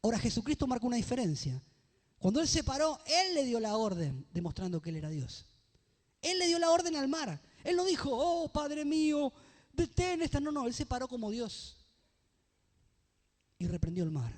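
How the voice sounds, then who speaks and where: High-voiced preaching man in echoing church. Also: very animated. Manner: preaching, with rising emphatic phrases and call-and-response questions; reads scripture aloud slowly. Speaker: pastor. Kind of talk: sermon.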